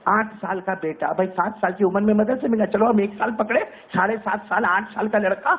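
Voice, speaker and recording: A man preaching a sermon to women, telling a story dramatically and rising to cries when quoting. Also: high-pitched. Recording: tinny phone-like sound.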